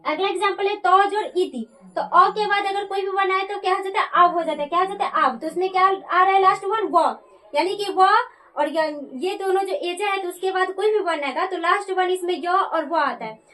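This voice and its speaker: A woman's voice: very high-pitched, a little fast, pushed and bright. A woman teaching a Sanskrit grammar lesson, often asking a question aloud and answering it herself. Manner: repeats questions and answers them for students. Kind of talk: classroom lecture.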